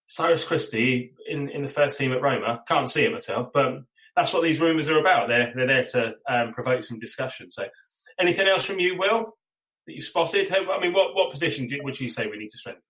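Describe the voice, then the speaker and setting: A man's voice: medium pitch, lively intonation, brisk, a bit bright, poor audio. A man hosting a casual football fan podcast, blunt and swearing freely as he steers the chat with questions. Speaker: podcast host.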